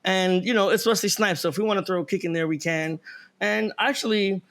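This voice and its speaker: A man's voice: high-pitched, fairly even intonation, brisk, a bit bright. A man co-hosting a podcast, chatting about a movie in a jokey, easygoing way. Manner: chatty, jokey, laughs easily. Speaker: podcast co-host. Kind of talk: casual film review chat.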